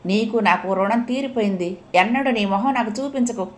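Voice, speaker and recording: Play , as a woman reading aloud, a middle-aged village mother torn between grief and fury, scolding her son through tears, her voice pushed a little higher and louder than plain narration. Keep it a storybook reading. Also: normal speed, lightly acted. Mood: bitter. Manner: scolding, tearful outbursts.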